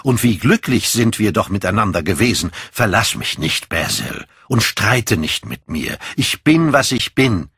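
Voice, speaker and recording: A man's voice: lowish voice, very animated, unhurried, hardly any pauses, fairly bright tone, breathy edge, no room sound, studio quality, full character voice. A man reading an audiobook, voicing a proud, secretive and volatile young man in a raised voice. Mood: pleading.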